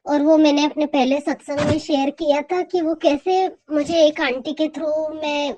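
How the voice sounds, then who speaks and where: High-voiced woman giving devotional testimony. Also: fairly even intonation, unhurried, warm tone. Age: adult. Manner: heartfelt, repeats thanks over and over.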